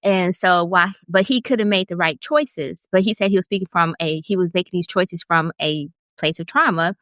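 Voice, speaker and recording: A woman's voice: on the low side, moderate pace, a bit bright, dry recording. Blunt, sarcastic woman on a dry mic. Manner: blunt, sarcastic, profane storytelling with mocking quoted voices. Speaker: podcast co-host. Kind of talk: casual podcast chat.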